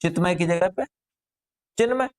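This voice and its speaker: A man's voice: high voice, a little slow. A middle-aged man teaching a grammar class, drilling students with repeated rhetorical questions.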